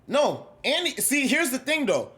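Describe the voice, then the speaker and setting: A young man livestreaming, chatting casually with his viewers in a slangy, rambling, animated way. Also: very high voice, unhurried. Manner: animated, rambling, slangy, swings between loud and mumbled. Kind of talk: casual chat with live chat.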